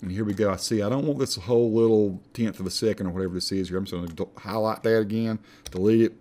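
A man with an Appalachian accent giving a casual, folksy, self-deprecating software tutorial as he talks through each step. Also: on the low side, fast talker. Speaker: tutorial instructor.

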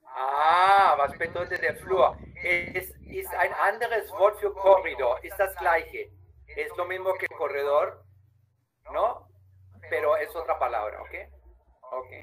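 A man teaches German in an online class over a video call, patiently drawing out each word slowly. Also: fairly high pitch, expressive, fairly bright tone, slight background noise, poor audio.

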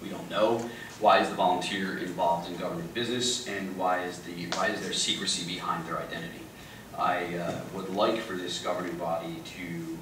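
A middle-aged council member with a low, fairly bright voice speaks insistently and with frustration at a public meeting in a large indoor room. A distant table microphone picks him up, with echo and background noise.

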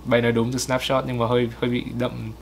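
A man, co-hosting and correcting pronunciation in a casual way, repeating words slowly to model them. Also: mid-range voice, completely flat delivery, creaky, slight background noise.

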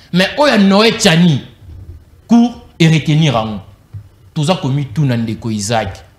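A man's voice: fairly high pitch, echoey room. A young man speaking as a guest in a TV studio, arguing his point emphatically into a handheld mic. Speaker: political guest. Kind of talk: animated political argument.

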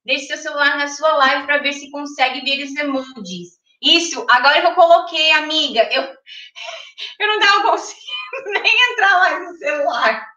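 Bright high-voiced woman hosting a livestream. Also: expressive, normal speed, lo-fi sound. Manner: chatty, reads viewer comments aloud, switches between Portuguese and English; giggly, laughs often. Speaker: livestream host. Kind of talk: casual livestream chat.

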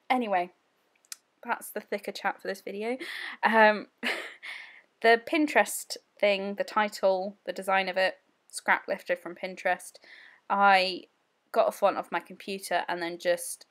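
A young woman giving a casual, rambling voice-over, giggly and full of fillers. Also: mid-range voice. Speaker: scrapbooking vlogger.

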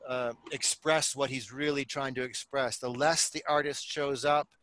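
An older man with a mid-range voice chats casually at a moderate pace, podcast-style, into a headset mic in his home study. He is animated, gesturing as he talks and restarting his sentences often.

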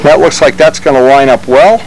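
In a noisy workshop with constant machine hum, a man shows how he fixes a model plane, speaking off the cuff and thinking out loud as he goes. His voice is mid-range and his pace moderate, keeping it a casual hobbyist how-to.

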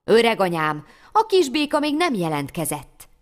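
Woman voicing young wanderer, eager, excited raised voice, lively, hall echo. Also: on the high side. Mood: eager, alarmed. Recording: long hall reverb.

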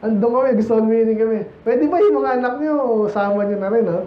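High-voiced Filipino preacher in an echoey church. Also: male voice, brisk. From Philippines. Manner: conversational, teasing, many rhetorical questions to the congregation. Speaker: pastor. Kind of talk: sermon. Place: church sanctuary. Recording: echoey, muffled church recording.

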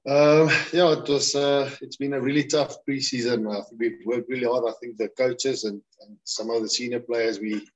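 A man's voice: mid-range voice, fairly even intonation, moderate pace, muffled recording. A man with a South African accent, a veteran player giving plain, hesitant answers at a press conference. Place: indoor press room, heard over video call.

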